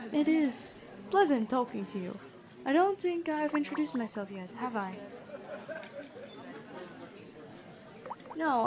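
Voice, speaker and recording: A high-voiced woman takes on the role of a noble-born prison guard, stern but kind, in a fantasy ASMR roleplay. Her measured, conversational delivery comes across as curious and friendly.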